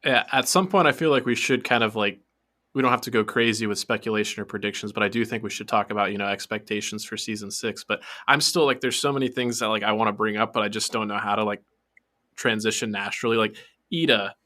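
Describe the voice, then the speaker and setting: A man's voice: fairly low pitch, fast talker, bright, forceful tone. A man co-hosting a podcast in casual chat, thoughtful and hesitant, with many fillers. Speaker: podcast co-host.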